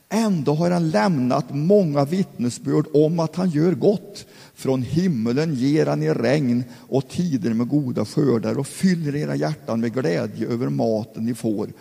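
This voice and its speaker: A man leading an informal Bible study in Swedish, reading passages aloud and explaining them in plain words with many halting restarts. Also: fairly high pitch, creaky, warm tone, slightly rough, big-room sound.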